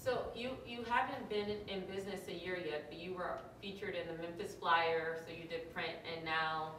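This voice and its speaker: A woman in the audience asks a quick question in a lowish voice. She is heard from a distance in a very echoey space, with faint noise behind her. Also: a bit bright. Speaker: audience member asking a question.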